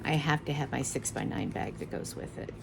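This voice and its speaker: A woman's voice: very deep voice, a little fast, creaky, background noise. A middle-aged woman chatting casually and rambling a bit as she shows off her craft kits, often correcting herself mid-sentence. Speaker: cross-stitch vlogger. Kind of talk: casual show-and-tell chat.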